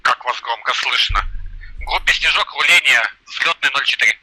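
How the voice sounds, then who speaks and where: A man's voice: mid-range voice, normal speed, sharp tone, slightly rough, no echo, poor audio. Man making clipped walkie-talkie radio calls. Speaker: flight sim instructor. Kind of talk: radio calls over voice chat.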